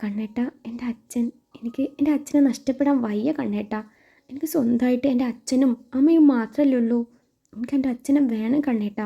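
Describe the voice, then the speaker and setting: A woman's voice: high-pitched, brisk, creaky. A woman voicing an anxious young daughter who talks in a pleading way in a read-aloud story. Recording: muffled recording with soft music.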